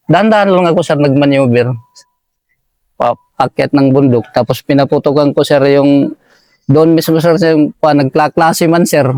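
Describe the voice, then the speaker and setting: A man tells his wartime escape in a somewhat high voice, deferentially tucking "sir" into nearly every phrase. The sound is dry and close. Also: a little mellow, dry recording. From Eastern Samar, Philippines. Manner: deferential, says "sir" constantly. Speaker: militiaman guest. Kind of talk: recounting a war story.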